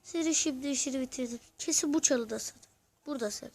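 A host giving live gameplay commentary to viewers, excitable and crying out when losing, asking for likes and subscribes. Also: high voice, a little fast. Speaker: gaming channel host.

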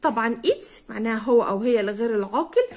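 A young woman with an Egyptian Arabic accent gives a primary school English lesson against some background noise. Her voice is a little high and expressive, and she drills words slowly, repeating them and spelling out letters.

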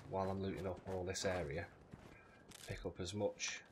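Deep voiced guy doing a casual lets play, mumbling through his choices n swearing, noisy bg w clicks. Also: little pitch movement, moderate pace. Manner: informal, swears, thinks aloud. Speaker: gaming video host. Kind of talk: casual gameplay commentary. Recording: clearly noisy background with clicks.

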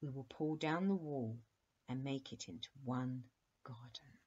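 A woman voicing a gentle, kind young prince in a bedtime storybook, soft and hushed, on a dull lo-fi recording. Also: a bass voice, normal speed, breathy edge. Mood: tender.

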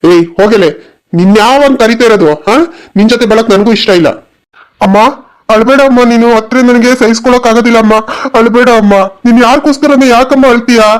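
A man's voice: very high-pitched, fast, clear, resonant tone. A man voicing a cruel, hot-tempered young husband in a cartoon, with a harsh, threatening manner. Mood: soothing.

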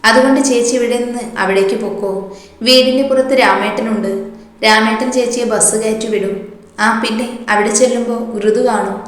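A woman's voice: on the high side, steady tone, a little fast, close to an everyday voice. A woman playing a determined, caring young girl. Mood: urging. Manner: warm, urging and reassuring. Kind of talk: storytelling voice acting. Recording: very echoey room, long reverb.

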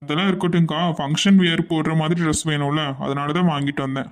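A man's voice: a little high, fairly even intonation, fast, close to an everyday voice. A man voicing a caring young brother who insists on helping his sister, in a cartoon. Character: caring young brother, generous and eager to help. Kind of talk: cartoon voice acting.

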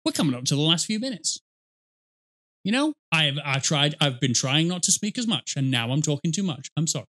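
Bright and forceful, a man's slightly high, sing-song voice moves a little fast as he hosts a reaction video. He's in his thirties, wearing a headset at a desk in a small indoor room, rambling casually about a game while frequently swearing and correcting himself.

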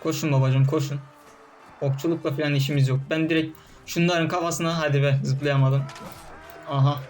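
A man's voice: a little high, steady tone, normal speed, darkish tone, soft background music. A young man doing casual gameplay commentary, often frustrated, cursing and barking orders at his troops. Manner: frustrated, swearing, talking to game troops.

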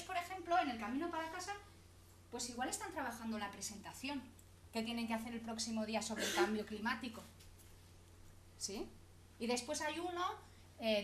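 A woman giving a chatty, teasing conference talk, constantly checking in with her audience. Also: high-pitched. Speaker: conference presenter. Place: conference hall. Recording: echoey conference hall, faint hum.

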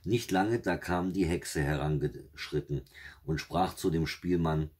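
A man with a husky voice reading a fairy tale aloud in a steady, measured way. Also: low voice. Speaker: storyteller.

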